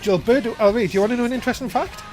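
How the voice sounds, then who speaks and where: An excitable wrestling commentator works as a showman, mixing play-by-play with show promos. The voice sits in a middle register, with music playing behind it. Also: medium pitch, racing.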